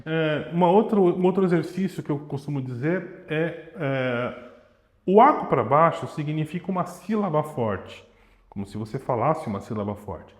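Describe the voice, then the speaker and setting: A young man teaching violin, explaining patiently and singing short phrases to illustrate. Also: a little high. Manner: demonstrative, sings and vocalizes rhythms to illustrate. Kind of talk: explanatory music lesson. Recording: echoey room with long reverb. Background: violin playing.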